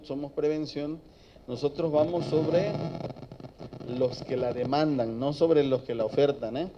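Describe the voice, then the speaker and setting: A man's voice: mid-range voice, mellow, a little hiss or hum. A man, a psychologist giving a prevention talk to students in a chatty storytelling way. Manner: conversational storytelling, checks in with "¿sí?". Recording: dull lo-fi recording.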